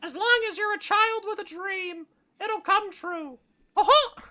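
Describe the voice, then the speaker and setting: A sinister theme-park mouse acted out by a woman in a very high, squeaky cartoon falsetto. He is falsely cheery with menace underneath, bright and piercing. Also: measured pace, exaggerated voice.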